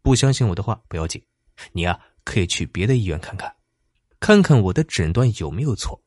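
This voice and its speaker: A serious male doctor explains his diagnosis in a measured, lowered voice, read by a man narrating. His tone is husky and close, with no room sound. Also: big pitch swings, darkish tone, no echo.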